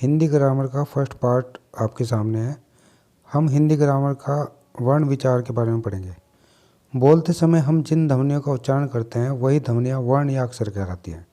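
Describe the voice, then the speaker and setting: Guy going through a grammar lesson, warm mellow voice, reads steady and lists letters one at a time. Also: mid-range voice, normal speed. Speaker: teacher. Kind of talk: grammar lesson read from notes.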